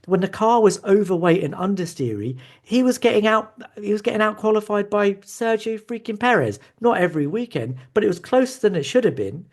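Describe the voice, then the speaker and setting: A man hosting a sports debate, calmly building an analytical case and checking for agreement as he goes. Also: high voice, brisk, hardly any pauses. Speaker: show host.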